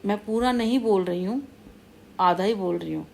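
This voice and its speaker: A woman's voice: mid-range voice, normal speed, creaky, a little mellow, a little hiss or hum. A middle-aged woman talking casually to her viewers, rambling and repeating her warnings in a scolding way. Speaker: vlogger. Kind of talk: casual monologue to camera.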